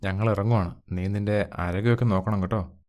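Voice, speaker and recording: A man doing a gentle old farmer father. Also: on the low side, steady tone, a little fast, natural voice. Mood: tender. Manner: fond, soothing.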